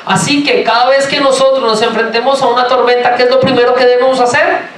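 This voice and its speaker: A man from Colombia with a Colombian accent, preaching a sermon in a lively, joking way and asking the congregation many rhetorical questions. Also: very high-pitched, fast talker, a little hiss or hum. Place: church sanctuary. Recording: roomy, from far off, faint ambience.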